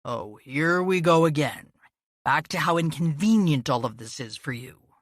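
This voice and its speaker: A man's voice: a little high, sing-song, brisk, a bit bright, breathy edge, no echo, studio quality, exaggerated voice. A woman narrator voicing a frustrated, restless husband who snaps defensively in an audiobook. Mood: snapping. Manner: snappish, defensive.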